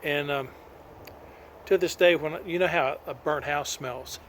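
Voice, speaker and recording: A man's voice: a little high, measured pace, slight background noise. A middle-aged man, reading his own novel aloud and telling its backstory in a folksy way. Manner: folksy storytelling with homespun sayings. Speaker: author.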